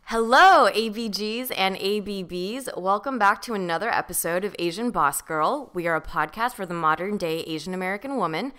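A woman co-hosting a casual podcast chat, her voice hoarse and a little shot. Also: mid-range voice, fairly quick, few pauses, bright, forceful tone. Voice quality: hoarse, worn-out voice. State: hoarse, voice strained from the night before. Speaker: podcast co-host.

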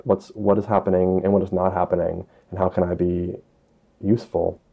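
Lowish-voiced man on a dull remote call. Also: little pitch movement, fairly quick, gravelly. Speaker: emergency doctor, interview guest. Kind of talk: candid conversational interview.

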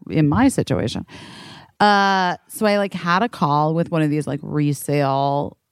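Blunt woman in her forties, low voice. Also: moderate pace, clean tone, no room sound, studio quality. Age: 40s. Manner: blunt, swears freely, dramatic retelling. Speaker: podcast co-host. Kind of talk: casual chat.

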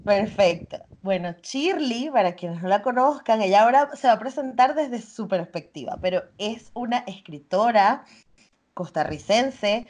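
A woman hosting a podcast, opening the interview in an excited, enthusiastic way. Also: fairly high pitch, measured pace. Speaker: podcast host.

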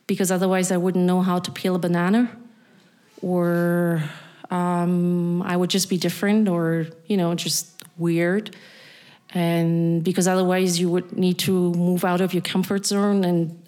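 A middle-aged woman from East Berlin with a German accent, speaking a deliberate spoken-word monologue addressed straight to the listener. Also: lowish voice, little pitch movement, a little mellow.

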